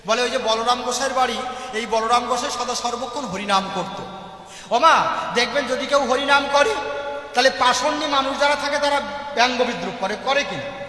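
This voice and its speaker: A man's voice: very high-pitched, fairly quick, pushed and bright. A young man preaching a devotional sermon, telling stories with passion and calling out to his listeners as mother. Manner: impassioned, addresses listeners as mother. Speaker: Matua preacher. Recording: echoey hall.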